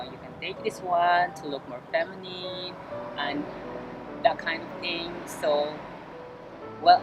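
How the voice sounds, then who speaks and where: A young woman from the Philippines answering interview questions outdoors, halting and full of fillers and restarts. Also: low-pitched, rough recording. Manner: hesitant, lots of fillers and restarts. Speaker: interview guest. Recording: music playing clearly behind.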